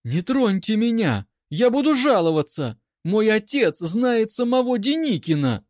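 A man's voice: high-pitched, expressive, measured pace, dry recording, clean studio sound, voice pushed up. A man voicing a melodramatic young woman, a bride who pleads and protests with overacted, tearful exclamations. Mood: panicked protest.

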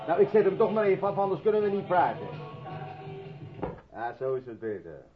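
In a 1970s Dutch radio play, a male actor portrays a courteous, reserved South African man living in a modest room, speaking politely with attentive restraint. His voice sits high and is very animated and brisk. The vintage radio recording sounds dull, with music behind it.

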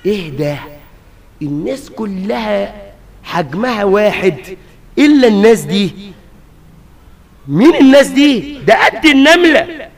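A man preaching with an Egyptian accent, fiery and emphatic, often bursting into shouts. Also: high voice, big pitch swings, measured pace, gravelly, pauses often, long reverb tail. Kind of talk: sermon.

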